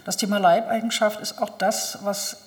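Woman translator, literary reading and talk, thoughtful, pauses with fillers, long reverb. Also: mid-range voice, level tone.

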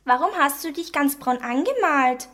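A woman's voice: high voice, expressive, moderate pace, a bit bright. Woman doing a stubborn little girl. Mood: defiant. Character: young girl, defiant then unsure. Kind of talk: radio story reading.

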